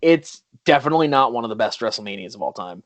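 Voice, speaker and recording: A man's voice: mid-range voice, animated, quick pace, no room sound. A man hosting a podcast in casual chat, joking around and laughing often. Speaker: podcast host. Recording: dull lo-fi audio.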